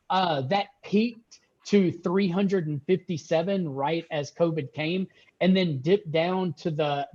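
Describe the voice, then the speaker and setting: A man's voice: a little high, darkish tone. A man on a video call, reviewing a store's sales numbers and praising the team in an upbeat way. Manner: upbeat, praising, fills with uh and restarts. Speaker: regional sales manager. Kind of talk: video call business check-in. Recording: dull lo-fi call audio.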